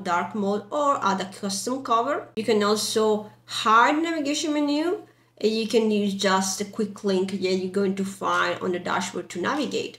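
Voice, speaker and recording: A woman's voice: mid-range voice, a bit bright. Echoey non-native English-speaking woman presenting a walkthrough. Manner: informal, loosely phrased, step-by-step explaining. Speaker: tutorial presenter. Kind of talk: casual screen-recorded software walkthrough. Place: indoor room. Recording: roomy, echoey voice track.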